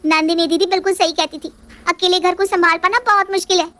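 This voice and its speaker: A woman's voice: very high-pitched, fairly even intonation, quick pace, sharp tone, pitched above the performer's own voice. A woman voicing a tired, upset young wife who pleads and complains in a storybook reading. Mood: pleading.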